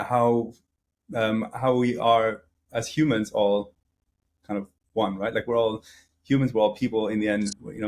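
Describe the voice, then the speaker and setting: A man's voice: lowish voice, a little mellow. A middle-aged man talking as an interview guest, casual and hesitant, with frequent fillers and restarts. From grew up in several countries.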